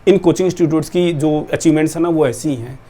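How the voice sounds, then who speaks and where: Guy coaching nursing students, pretty high voice, pushy and full of questions. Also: fast. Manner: forceful, rhetorical, addresses viewers directly. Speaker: nursing exam coaching teacher. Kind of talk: persuasive talk to students.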